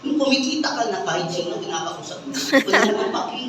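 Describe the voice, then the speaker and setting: A man from the Philippines giving an animated motivational talk to an audience, acting out the dialogue as he tells his story. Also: very high-pitched, fast, background noise. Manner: animated storyteller, acts out dialogue, laughs with the crowd. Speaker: speaker giving a testimony to an audience. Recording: echoey hall, mic from far off.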